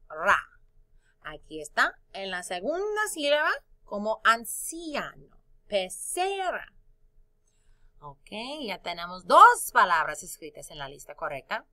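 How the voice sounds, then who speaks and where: A woman leads a phonics lesson for young children, drawing each word out slowly. Her fairly high voice jumps around a lot as she sings out syllables and little chiming sound cues. She keeps a patient, sing-song classroom manner throughout. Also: bright, forceful tone. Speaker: teacher.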